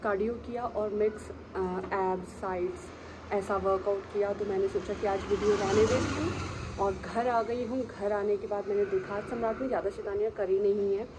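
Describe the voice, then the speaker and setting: A woman chatting casually in a daily vlog about her dogs, sometimes cooing at them in high baby talk. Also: steady tone, normal speed, background noise. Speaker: vlogger and dog owner. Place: home and outdoors on walks.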